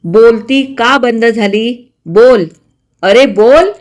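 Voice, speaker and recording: A woman's voice: a little high, a little slow, voice pushed up, lightly acted. A woman voicing a poor, hardworking mother who is stern but loving and emotional. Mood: furious. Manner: scolding, emotional.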